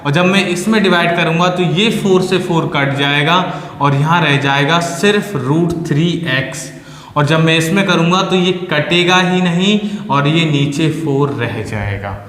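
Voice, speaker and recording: A man's voice: on the high side, normal speed, a bit bright. A man teaching a maths lesson, patiently explaining step by step and slipping English terms into his talk. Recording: echoey room with long reverb.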